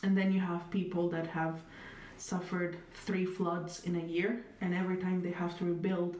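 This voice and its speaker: A young Italian woman with a fairly low, darkish voice speaks at a normal speed in a level tone. She answers interview questions thoughtfully, hedging often, using lots of fillers and slipping in wry, dry humor. The reflective conversation was recorded in an echoey room on a distant mic, with faint noise.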